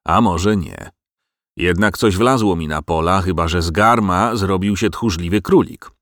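A man voicing a grumpy middle-aged male farmer who speaks in gruff threats. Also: deep voice, measured pace, a bit bright, no echo. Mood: uneasy.

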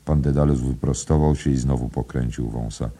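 Man narrating an audiobook, very deep creaky voice, kinda husky. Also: steady tone, a little fast, mellow. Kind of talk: scripted narration of a novel.

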